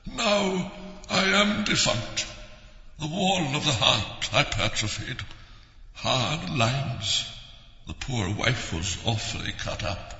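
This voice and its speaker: A man voicing the hollow-voiced ghost of a dead middle-aged man turned into a dog, speaking slowly and mournfully. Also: medium pitch, lively intonation, bright, forceful tone, voice pushed up, exaggerated voice. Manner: mournful, plodding. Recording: lo-fi, echoey, long reverb.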